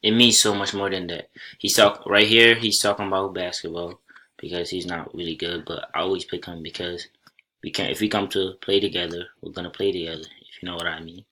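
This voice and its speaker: Speaking in a level tone, a young adult college student from Senegal, raised with Soninke, presents slides to his class. His voice is low, bright and forward, and he talks plainly without hurrying, now and then going back to restart a phrase.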